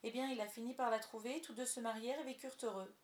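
A woman's voice: mid-range voice, fairly quick, lightly acted. A woman voicing a cocky, wheedling boy who never grows up, in a roomy recording. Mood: casual. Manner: boastful, wheedling. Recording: roomy echo.

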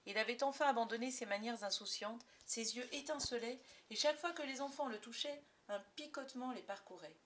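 A woman narrating a children's storybook aloud, expressive and dropping softer for suspense. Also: fairly high pitch, fairly quick, hardly any pauses, slight background noise. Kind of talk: audiobook narration of a children's classic.

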